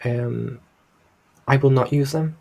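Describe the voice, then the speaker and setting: A man's voice: medium pitch, steady tone, slow pace, vocal fry, a little mellow. A man with a Liverpool Scouse accent giving casual, rambling, disapproving commentary in a hesitant way. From Liverpool, England. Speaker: reaction video host.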